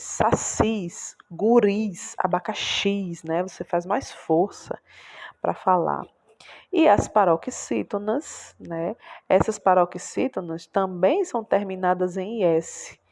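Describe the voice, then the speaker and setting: A woman's voice: lowish voice, vocal fry, darkish tone. A Brazilian woman teacher explaining a lesson patiently, repeating words aloud and checking in with tag questions. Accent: Brazilian Portuguese. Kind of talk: classroom lesson walkthrough.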